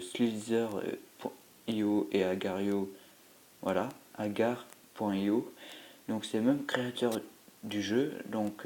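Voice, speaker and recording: His lowish voice is a little mellow, though he's stuffed up with a cold and tired from a night without sleep. While playing a mobile game, he comments in a rambling, hesitant way, leaning on filler sounds.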